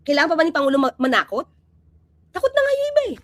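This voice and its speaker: A woman hosts a casual political commentary vlog, speaking emphatically and animatedly, swinging between loud and quiet and constantly tossing out the rhetorical "di ba?" to viewers. Her voice is extremely high-pitched and racing, in a dry recording.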